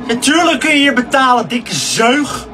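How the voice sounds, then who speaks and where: Man acting as a rude insulting woman worker, very high voice, music behind, distant mic. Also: expressive, moderate pace. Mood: scornful. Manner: insulting, snappish, scornful. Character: rude foul-mouthed female service worker. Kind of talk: sketch comedy acting.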